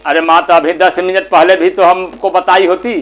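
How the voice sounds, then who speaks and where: A man's voice: high voice, level tone, moderate pace, fairly bright tone. A man voicing an impatient grown son who scolds his old mother. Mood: grumbling. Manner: snappish, scolding, exasperated.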